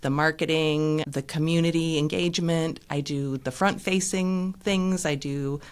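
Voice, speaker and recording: Guest, female lawyer and nonprofit director from Nevada; clear, explanatory, lists things out. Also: sits low, fairly even intonation, unhurried. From Reno, Nevada. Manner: articulate, explanatory, listing things. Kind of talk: interview guest.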